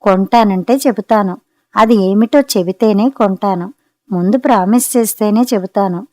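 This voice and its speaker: A woman's voice: medium pitch, moderate pace, mellow, dry recording, studio quality, lightly acted. A woman reader voicing a playful, stubborn young wife who coaxes and wheedles, in a storybook reading. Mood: coaxing. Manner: coaxing, wheedling.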